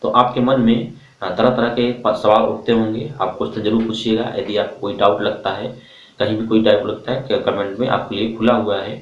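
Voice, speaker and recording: A man's voice: on the low side, fairly even intonation, moderate pace. A man teaching a class, who keeps asking the students questions and repeating the answers back to them. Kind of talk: classroom lecture. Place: classroom with a board. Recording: roomy, from far off.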